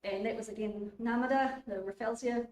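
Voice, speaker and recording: A woman giving a relaxed public talk, informal and chatty with many fillers and restarts. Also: a little high, moderate pace, distant mic. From New Zealand. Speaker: guest speaker. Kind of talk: public lecture. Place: community hall. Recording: echoey hall, voice from afar.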